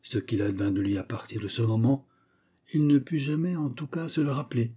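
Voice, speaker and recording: A man reads a comic folk tale aloud in a mellow, husky voice. He narrates with care and bursts into raised, animated tones when the characters shout. The telling is lively and theatrical. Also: medium pitch, a little fast. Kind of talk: storybook reading with acted voices.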